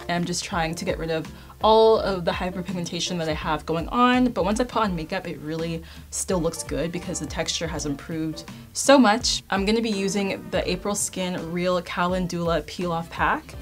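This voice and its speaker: A young woman in her late twenties talks chattily to her viewers as a beauty vlogger. Her voice sits on the low side for a woman. Faint music plays quietly under her voice. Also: moderate pace. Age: 20s. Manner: chatty, upbeat, addresses viewers as you guys. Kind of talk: casual chat to camera. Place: indoor filming space.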